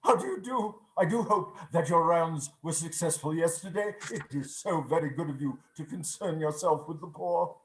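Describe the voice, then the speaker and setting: A man's voice: on the high side, moderate pace, few pauses, slight background noise, lightly acted. A man playing Scrooge as a giddy, generous old miser turned joyful, effusive and exclamatory in a radio play reading. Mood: merry. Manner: exclamatory, effusive, repeats phrases for emphasis. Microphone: video call. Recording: roomy, echoing video call.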